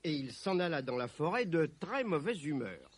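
A man narrating a children's fairy tale in an expressive, animated way. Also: fairly high pitch, moderate pace. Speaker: storyteller. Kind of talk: storybook narration.

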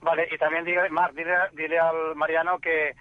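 A man's voice: a little high, little pitch movement, normal speed. A man calling in to a radio show over the phone line, polite and hesitant, with many fillers and restarts. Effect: heard over the phone line. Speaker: radio caller. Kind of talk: casual call-in chat.

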